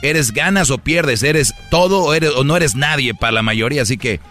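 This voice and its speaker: A Mexican man co-hosts a radio show in a mid-pitched, bright voice. He talks in an opinionated, lecturing tone, with soft music under him. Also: normal speed. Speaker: radio co-host. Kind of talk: casual chat.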